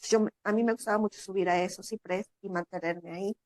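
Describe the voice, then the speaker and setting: A Mexican woman, a guest in an interview, tells a story with lively energy at a brisk pace, raising her voice higher when quoting people. Her pitch is mid-range, and the audio is close and dry with no room sound.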